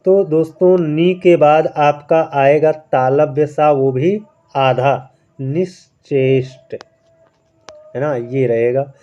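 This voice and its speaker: Male online teacher, slightly high and mellow, dull lo-fi audio, walks viewers through spelling answers. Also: fairly even intonation, slow pace. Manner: explains step by step, often asks and answers his own questions; keeps addressing viewers as friends, adds "है ना". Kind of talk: online quiz lesson.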